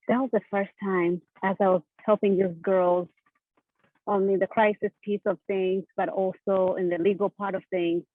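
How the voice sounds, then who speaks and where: Over tinny video call audio that sounds like a phone, an East African woman who is a therapist and founder earnestly shares her story in panel interview answers. Her voice is fairly low-pitched, with no room sound.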